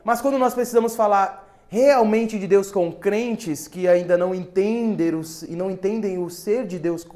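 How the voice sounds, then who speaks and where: A pastor with a notably high voice delivers an animated sermon in a church. He moves between reading scripture and chatty, humorous asides to the congregation. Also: moderate pace, hardly any pauses. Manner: animated conversational preaching with humor. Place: church sanctuary.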